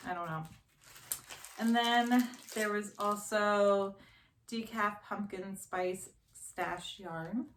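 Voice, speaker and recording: A woman's voice: medium pitch, steady tone, takes it slowly. A woman in her thirties chatting casually as a knitting vlogger, rambling and correcting herself with lots of fillers. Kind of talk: casual show-and-tell chat. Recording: echoey room with faint noise.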